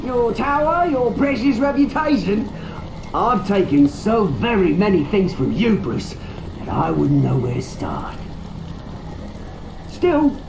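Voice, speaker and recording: An actor playing a vengeful, gloating British crime-lord villain in a video game, with a taunting, sneering, theatrical manner. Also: male voice, sits high, background noise, heavily acted. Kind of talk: dramatic video game voice acting. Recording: echoey, loud music underneath.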